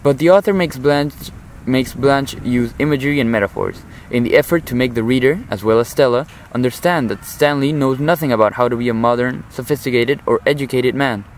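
A teenage boy delivers a prepared oral commentary for class, formal and analytical in tone. His voice sits in an ordinary middle pitch. A faint hum of traffic runs underneath. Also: fairly quick, few pauses, rough recording. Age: teens. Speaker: high school student.

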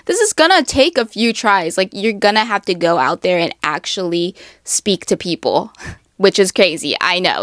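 A woman's voice: medium pitch, fairly bright tone, no echo, clean studio sound. A young woman hosting a casual advice talk, chatty and full of "like" and "literally.". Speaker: host.

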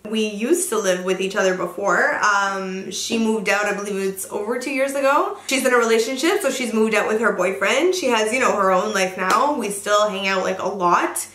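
A young woman chatting while doing her makeup, earnest and gushing, slipping into quiet asides to herself. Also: medium pitch, normal speed, few pauses, reverberant. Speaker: beauty vlogger. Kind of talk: chatty get-ready-with-me makeup tutorial. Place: bright room, seated on a sofa indoors.

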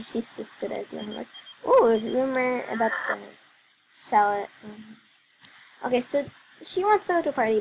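A woman's voice: a little high, vocal fry, a little hiss or hum, low-quality recording. A woman giving rambling, apologetic commentary on her gameplay, her voice worn out from talking all day. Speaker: let's play commentator.

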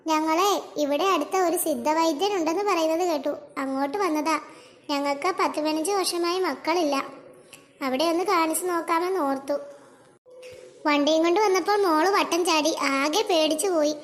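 Brief: performer as a meek middle-aged cartoon man, high and soft, apologetic. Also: normal speed.

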